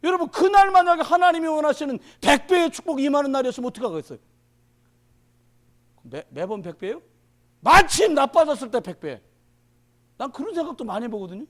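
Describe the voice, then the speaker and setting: Man, 50s, pastor, sermon, high-pitched, very expressive, loud bursts and quiet asides. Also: a little fast, long pauses. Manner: animated, swings from shouting to muttering asides, plays out little scenes.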